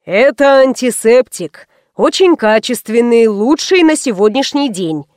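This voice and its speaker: A woman reading an audiobook voices a fussy, ceremonious old male obstetrician who speaks slowly and formally. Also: on the high side, lively intonation, a little mellow, dry recording, studio quality. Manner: slow, formal and courtly.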